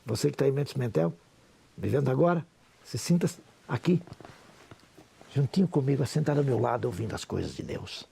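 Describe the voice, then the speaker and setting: A man's voice: medium pitch, expressive, a little fast, gravelly, long pauses, warm tone, husky. A Brazilian man in his sixties, a pastor, giving an emotional, preacher-like personal testimony with a Brazilian Portuguese accent. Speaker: pastor and businessman.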